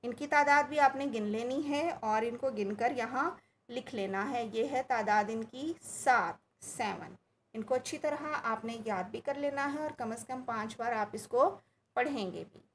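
Woman teacher, slightly high voice, unhurried recitation, faint hiss behind. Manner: slow, clear recitation of letters for children to repeat. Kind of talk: online alphabet lesson for children.

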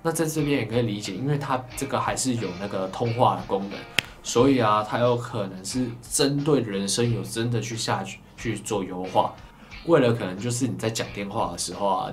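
A man with a Taiwanese Mandarin accent, hosting a casual gadget unboxing review, chatty and full of drawn-out particles, recorded on a camera microphone. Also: on the low side. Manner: chatty, lots of drawn-out sentence-final particles. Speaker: tech reviewer host. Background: background music.

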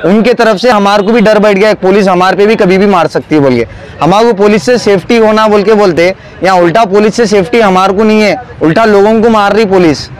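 A man's voice: high voice, fairly quick. A man from Hyderabad with a Hyderabadi accent, speaking earnestly and pleadingly as an eyewitness in a street interview. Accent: Hyderabadi Hindustani. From Hyderabad, India.

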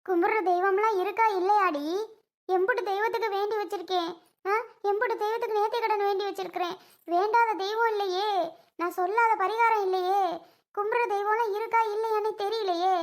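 A woman's voice: high-pitched, fairly even intonation, moderate pace, pauses often, pushed and bright. A woman playing a sobbing young wife. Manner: sobbing, tearful, wailing lament. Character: heartbroken young wife, weeping and pleading.

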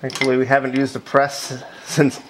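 In an indoor workshop with faint background noise, a middle-aged maker presents a build, explaining his work casually, hesitantly and self-deprecatingly. His medium-pitched voice is completely flat, at a moderate pace.

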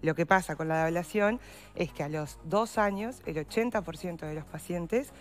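A woman's voice: fairly low pitch, moderate pace, soft background music. Earnest Uruguayan woman explaining. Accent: Uruguayan Spanish. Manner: earnest, explanatory, uses voseo. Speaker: guest, endometriosis patient advocate. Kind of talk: explanatory interview answers.

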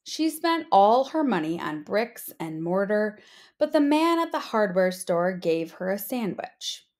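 A woman, a teacher, reads a children's storybook aloud in an expressive style, her voice mid-range and her pace measured.

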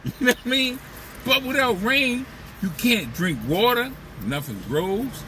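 A man's voice: extremely high pitch, lively intonation, unhurried, sharp tone, recorded from a distance, slight background noise. A man talking through a casual, profane, rambling comedic monologue as a vlog host, slipping into mocking voices. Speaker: vlogger host.

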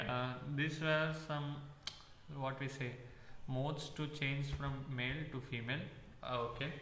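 A man teaching a coding tutorial, pausing often with fillers as he explains step by step. His voice is bright and crisp. It rings out in a roomy space with a long reverb tail. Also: medium pitch, a little hiss or hum. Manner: halting, with many "uh" fillers while explaining. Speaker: coding instructor. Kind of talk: screen-recorded coding tutorial. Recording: echoey room with long reverb.

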